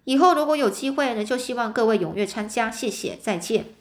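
A woman's voice: on the high side, expressive, a little fast, natural voice. A woman reading a storybook aloud, voicing a short red-haired man who is fussy and overly polite and keeps repeating himself. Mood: smooth, polite. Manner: ingratiating, repeats his words.

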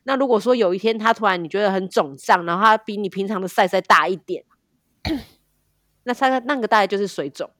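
A woman's voice: mid-range voice, fairly quick, fairly bright tone, no room sound, clean studio sound. A woman co-hosting a casual chat, explaining things plainly and then cracking jokes. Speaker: podcast co-host.

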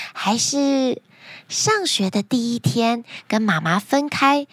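Brief: woman, kids' story host, gentle and encouraging, bit high, dry close podcast sound. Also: dry recording. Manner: gentle, encouraging, speaks directly to children.

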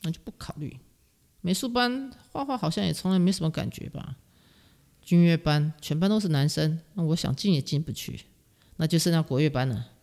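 A middle-aged woman speaks Mandarin with a Taiwanese accent, telling her stories as a guest in a relaxed interview. She is animated and self-mocking, and she laughs often between her lines. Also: low-pitched, brisk. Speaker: guest, music teacher. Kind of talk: casual storytelling interview.

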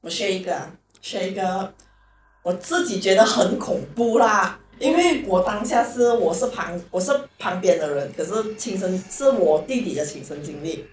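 A woman's voice: mid-range voice, expressive, normal speed, a little hiss or hum. A woman, casually telling a story as podcast co-host and mixing in English words. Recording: roomy echo, far from mic, loud music behind.

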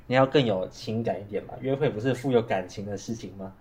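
Fast-talking and a little mellow, this low-voiced podcast co-host chats casually with a Taiwanese Mandarin accent. He sounds congested from a cold, coughs now and then, and his words come through muffled by a mask.

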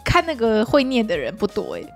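A woman's voice: on the high side, very animated, brisk, soft background music. A woman, co-hosting a casual podcast chat about Japanese words, laughing often and repeating herself while she thinks. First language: Mandarin. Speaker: podcast co-host.

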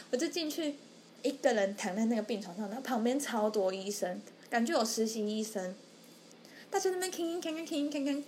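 A woman's voice: a little high, darkish tone, slight background noise. A young woman, telling a story on a podcast and acting out the people she quotes. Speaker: podcast co-host. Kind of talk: casual storytelling chat.

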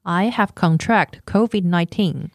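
A woman's voice: on the low side, unhurried, no room sound, clean studio sound. A woman co-host acting as the learner, repeating words after the teacher in a playful way.

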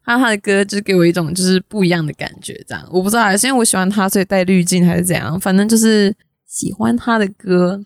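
A woman's voice: medium pitch, quick pace, dry recording, clean studio sound. Hesitant young woman. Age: young adult. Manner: rambling, hesitant, many restarts. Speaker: guest graphic artist. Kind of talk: casual podcast chat.

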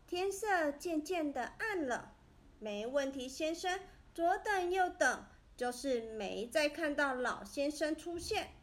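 A woman narrating a children's story in a gentle, expressive way. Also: high-pitched, slow pace.

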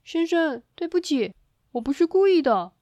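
A woman's voice: sits high, sing-song, normal speed, no room sound, muffled recording, pitched above the performer's own voice. A woman voicing a friendly, cheerful grown man in a children's storybook. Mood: upset.

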